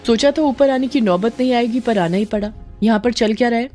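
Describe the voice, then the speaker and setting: A woman's voice: a little high, fairly quick, dark tone, soft background music, voice pushed up, close to an everyday voice. A woman voicing a concerned young male friend who asks urgent questions in a storybook tale.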